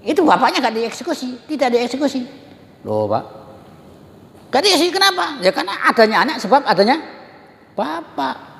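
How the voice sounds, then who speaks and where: A man teaching a religious study class in a lively, joking way, often turning to address his listeners directly. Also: extremely high pitch, fairly quick, creaky, long pauses. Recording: long hall reverb.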